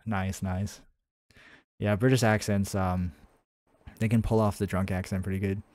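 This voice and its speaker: A man streams his game development, thinking aloud in a rambling, casual way full of fillers and restarts, answering chat messages between coding steps. His deep, darkish voice holds a level tone at a measured pace, with no echo.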